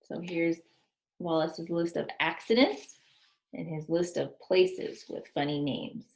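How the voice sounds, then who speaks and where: Reading a children's storybook aloud like a teacher, a woman with a voice on the low side speaks expressively and deliberately, explaining things and asking her listeners questions. The recording sounds roomy and echoing.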